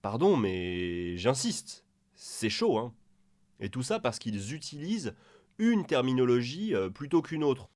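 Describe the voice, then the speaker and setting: A man's voice: medium pitch, very animated, measured pace, a little mellow, no room sound, clean studio sound. Crude, scornful male reaction commentator. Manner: mocking, crude, scornful, talks straight to the person in the clip. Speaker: video commentator.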